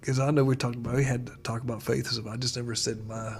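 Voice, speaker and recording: A man who is a pastor, telling stories in a casual chat and getting animated when he retells dialogue. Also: mid-range voice, fast talker, gravelly, slightly rough. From United States. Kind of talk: casual conversation, storytelling.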